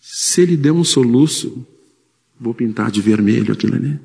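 A man's voice: mid-range voice, expressive, normal speed, creaky, mellow, in a large hall. A man preaching a sermon, telling a personal story in a conversational way with frequent tag questions.

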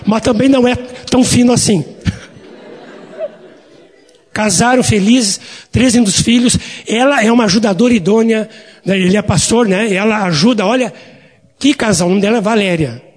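A man's voice: high-pitched, normal speed, long pauses, breathy edge, long reverb tail. A male pastor, preaching a sermon in a folksy storytelling way and often addressing the congregation as dear ones.

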